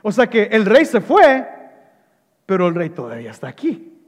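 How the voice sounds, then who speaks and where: A man preaching a sermon as a pastor, swinging between loud exclamations and hushed, low phrases. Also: huge pitch swings, moderate pace, big-room sound.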